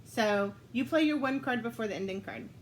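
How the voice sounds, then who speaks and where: A woman telling a story aloud while playing a storytelling card game, unhurried and thinking aloud, often breaking into laughter. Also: a little high, lively intonation, a little hiss or hum, rough recording. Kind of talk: casual storytelling game play.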